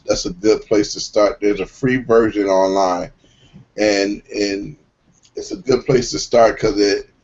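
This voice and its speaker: A man on a group call giving earnest, slightly halting motivational advice. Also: lowish voice, a little mellow. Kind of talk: motivational talk. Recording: muffled conference call line.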